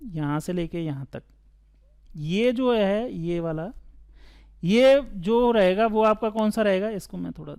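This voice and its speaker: Smooth-voiced male chemistry teacher. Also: sits high, measured pace, a little mellow. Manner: asks questions and answers them himself; casual, chatty classroom tone. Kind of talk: board lesson.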